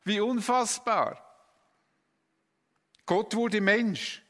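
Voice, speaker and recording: A man retelling a Bible story as a preacher, explaining deliberately and stressing key words. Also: sits high, fairly bright tone, in a large hall. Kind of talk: slow, emphatic Bible storytelling with a map.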